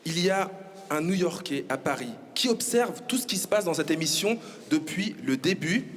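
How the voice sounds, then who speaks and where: A man hosting a TV debate, briskly cutting in to introduce questions and guests. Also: fairly high pitch, lively intonation. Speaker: host. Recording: reverberant studio hall.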